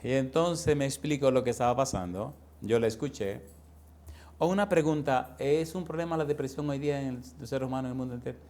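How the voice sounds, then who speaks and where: A man's voice: medium pitch, brisk, a little mellow. A man preaching a sermon, firing rhetorical questions at the congregation and calling listeners pet names. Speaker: pastor.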